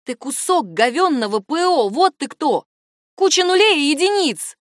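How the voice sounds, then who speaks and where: A woman voicing a stubborn, sharp-tongued older woman who talks back defiantly in a raised voice. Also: high voice, expressive, brisk, no echo, clean studio sound, pitched above the performer's own voice.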